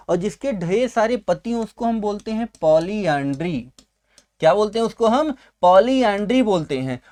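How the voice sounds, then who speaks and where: A man's voice: sits high, a little mellow. A male teacher giving an exam-prep vocabulary lesson at a writing board. He asks questions and answers them himself, repeating key words, and addresses his students fondly. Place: at a writing board in a class video.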